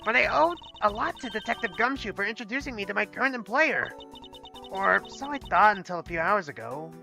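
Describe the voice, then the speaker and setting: A man voicing a meek, hapless young female security guard in a pitched-up, raspy, chipmunk-like voice for a video game playthrough. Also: lively intonation, fairly quick, music in the background.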